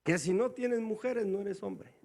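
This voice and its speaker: A male pastor preaching a sermon. He keeps calling his listeners "brother" and swings between quiet, low asides and loud, high exclamations. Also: a little slow, gravelly. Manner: calls the congregation "hermano" again and again.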